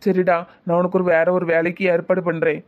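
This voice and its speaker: A man's voice: high voice, monotone, fairly quick, dry recording, narrow, tinny audio, close to an everyday voice. A man voicing a caring young male friend in a cartoon, asking insistent questions in a Tirunelveli Tamil accent. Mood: concerned. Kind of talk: cartoon voice acting.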